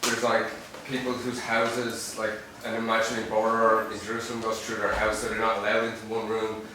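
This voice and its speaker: A man's voice: fairly low pitch, monotone, a little fast, bright, forceful tone, a little hiss or hum. A man asking an audience question at a Q&A, earnest and rambling with many fillers. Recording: echoey hall, distant mic.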